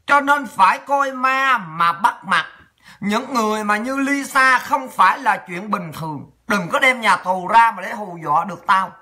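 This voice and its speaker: Husky, bright-voiced woman ranting. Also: a little high. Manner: angry, profane, taunting. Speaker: political vlogger. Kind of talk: ranting monologue.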